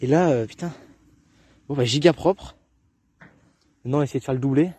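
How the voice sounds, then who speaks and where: A young man, a hunter filming his outing, talking in a slangy, excitable, chatty way while out in open fields. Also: mid-range voice, a little fast, husky, dry recording. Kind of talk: casual outdoor vlog commentary. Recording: loud outdoor noise on a camera mic.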